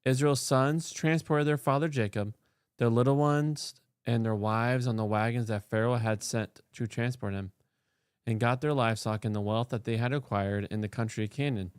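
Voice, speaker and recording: A man streaming a game, chatting casually and reading scripture aloud with animated, joking asides. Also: mid-range voice, normal speed, clean tone, dry recording.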